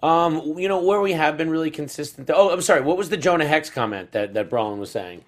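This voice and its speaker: A man's voice: fairly high pitch, expressive, quick pace. A man hosting a casual fan chat show, talking enthusiastically. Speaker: talk show host. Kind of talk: casual fan chat about comics and film.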